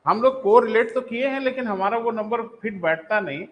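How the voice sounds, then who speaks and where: A man's voice: sits high, lively intonation, normal speed, fairly bright tone, low-quality recording. A male geography teacher with a Hindi accent, giving a live online class. He calls students "beta" and asks and answers his own questions.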